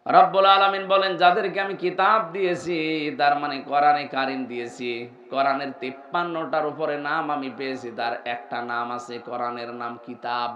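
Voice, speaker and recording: A male preacher with a Bangladeshi Bengali accent gives a sermon to a large gathering, jumping from loud shouted peaks to low quiet asides, chanting verses and quizzing the crowd like a class. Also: steady tone, brisk, slight background noise. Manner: questions and drills the crowd like a class. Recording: echoey, dull public-address sound.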